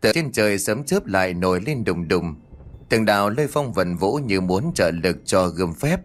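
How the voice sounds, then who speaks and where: Low-voiced man narrating a ghost story. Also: animated, moderate pace. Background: faint music.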